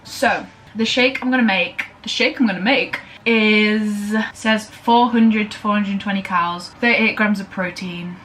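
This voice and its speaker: A young woman chatting casually in a vlog, rambling and bubbly, fast and breathless after a workout, filmed in her kitchen. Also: mid-range voice, a bit bright. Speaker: lifestyle vlogger. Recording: slightly distant camera audio with faint room noise.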